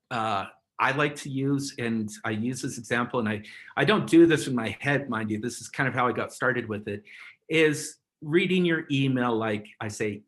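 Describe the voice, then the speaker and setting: Guy talking thru a webinar on a call, loose and rambly, laughs a lot, middle pitch. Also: a bit bright. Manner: chatty, rambling, chuckles often. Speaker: webinar presenter. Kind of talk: casual instructional talk.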